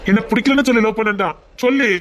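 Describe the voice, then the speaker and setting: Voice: medium pitch, rapid-fire, a bit bright, slight background noise, lightly acted. An actor voicing a young village man, coaxing and reassuring his girlfriend. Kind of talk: amateur village drama.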